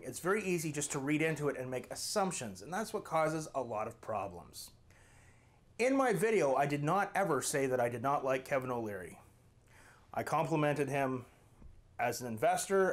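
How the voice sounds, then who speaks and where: Male vlog host, slightly high pitch, emphatic and argumentative delivery. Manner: emphatic, argumentative, with rhetorical questions. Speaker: channel host. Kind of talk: opinion vlog to camera.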